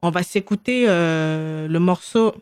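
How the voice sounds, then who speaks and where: A woman hosting a podcast in a relaxed, talkative way, full of fillers and restarts. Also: on the low side, slow pace, smooth, dry recording, studio quality. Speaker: podcast host. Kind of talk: casual chat.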